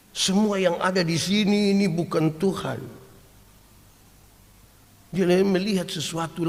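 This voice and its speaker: A man preaching a sermon, animated and storytelling, swinging from loud acted quotes to hushed asides and asking the congregation questions. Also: high voice. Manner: homely storytelling with humor and rhetorical questions. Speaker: pastor. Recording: long hall reverb.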